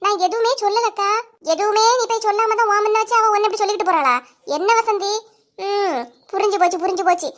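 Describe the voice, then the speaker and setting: A sharp-tongued village woman bickers with her neighbours in a cartoon comedy, voiced by a woman. Her voice sits very high, and she scolds and accuses in a Kanyakumari Tamil accent. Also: fairly even intonation, fast. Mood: quarrelsome. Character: bickering village women neighbours, quick-tempered.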